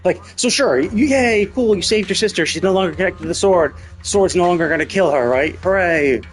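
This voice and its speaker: Brisk and lively in intonation, a high-voiced male game streamer speculates casually as he plays, regularly checking himself with "right?" The game's music can be heard behind him.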